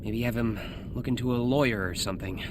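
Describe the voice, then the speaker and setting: A man's voice: mid-range voice, a little fast, close to an everyday voice. A young man playing an anxious, earnest superhero with a double life in a video game, boyish and hesitant in manner. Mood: awkward. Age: young adult. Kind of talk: video game cutscene acting. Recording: clear background noise and ambience.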